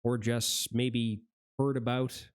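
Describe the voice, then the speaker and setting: Hoarse man rambling about old games. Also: mid-range voice, flat delivery, slow pace. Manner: rambling, corrects himself mid-sentence. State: hoarse, losing his voice. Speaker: gaming channel host. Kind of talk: casual nostalgic vlog talk.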